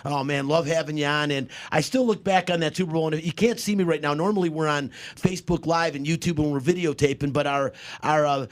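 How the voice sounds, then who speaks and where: A man hosting a sports radio show, talking with energetic emphasis into a studio microphone. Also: on the high side, brisk, few pauses.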